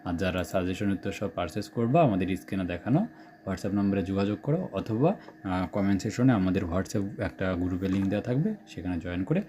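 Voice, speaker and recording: Brief: young male Bangladeshi Bengali tutor, low mellow tone, faint hum behind. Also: animated, a little fast. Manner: reels off numbered question lists, checks in with students often. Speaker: exam-prep teacher. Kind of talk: screen-share exam suggestion walkthrough.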